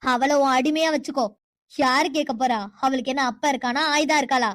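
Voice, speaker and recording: A woman's voice: high-pitched, steady tone, a little fast, a bit bright, no echo. A woman doing a domineering cartoon mother. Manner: scolding, commanding. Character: domineering scheming mother of a grown son. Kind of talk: cartoon voice acting.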